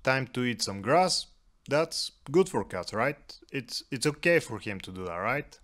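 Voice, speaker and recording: Calm man narrating a cat hike. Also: medium pitch, measured pace. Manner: dry, gently humorous.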